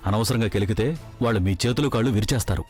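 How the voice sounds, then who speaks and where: A man's voice: fairly low pitch, racing, darkish tone, close to an everyday voice. A man playing an anxious, respectful police constable who pleads with his superior, in a TV serial with background music. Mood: pleading.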